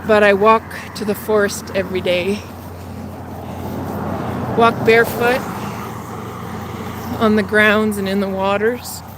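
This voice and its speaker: Holding her phone as she walks outdoors in a city by traffic and train tracks, a livestream host from Canada in her fifties rambles chattily to her viewers. She speaks slowly in a mid-range, fairly even voice, pausing often and a bit out of breath, with traffic noise in the background.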